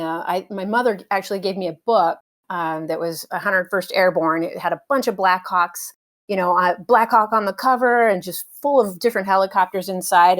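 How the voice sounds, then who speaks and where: A middle-aged American woman, a helicopter pilot, guests on a casual conversational interview. Her fairly low voice is thoughtful and unhurried, with frequent fillers and light laughs.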